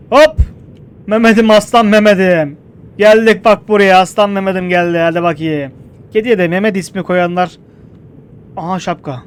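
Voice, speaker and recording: A young man commentating a game playthrough, excitable and jokey, often yelling at the game. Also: high-pitched. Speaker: gameplay streamer. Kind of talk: gameplay commentary.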